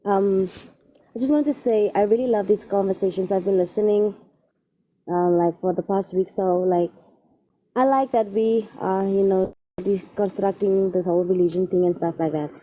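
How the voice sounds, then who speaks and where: Woman calling in, muffled like through a wall, mellow dull phone sound, lots of um and like. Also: medium pitch, moderate pace. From Cape Town, South Africa. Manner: hesitant, many fillers and restarts. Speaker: caller. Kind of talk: casual call-in chat. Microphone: phone call.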